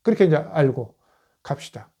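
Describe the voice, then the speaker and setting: A man's voice: on the high side, lively intonation, normal speed, warm tone, breathy edge. A middle-aged man lecturing conversationally as a historian, posing rhetorical questions and acting out quoted verses.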